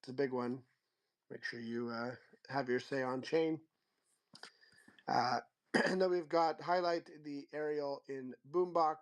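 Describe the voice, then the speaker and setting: A man's voice: mid-range voice, a little slow, pauses often. Chill guy hosting a live show, rambly, mid-range voice, keeps restarting sentences. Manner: relaxed, rambling, trails off and restarts. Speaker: show host. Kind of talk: casual livestream chat.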